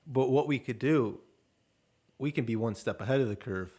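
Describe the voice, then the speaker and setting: A man's voice: mid-range voice, moderate pace, warm tone, slightly rough. A man co-hosting a podcast in casual chat, playful and jokey. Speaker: podcast co-host.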